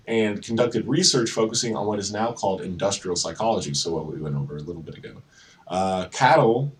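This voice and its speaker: A man's voice: fairly low pitch, far from the mic, poor audio. A young man giving a casual psychology lecture over slides, with fillers and self-corrections. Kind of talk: informal slide-based lecture.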